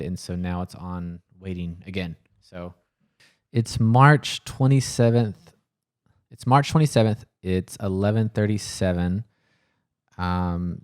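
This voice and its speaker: A coffee shop owner films a personal vlog, talking to camera casually and earnestly but sounding worried and frustrated, sometimes searching for words. His voice is low, darkish, clear and resonant.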